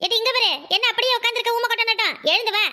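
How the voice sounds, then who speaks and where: A woman's voice: extremely high pitch, steady tone, racing, full character voice. A woman doing a nagging mother-in-law. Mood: scolding. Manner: sharp, nagging, sarcastic. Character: scolding older village mother-in-law. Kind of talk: cartoon voice acting.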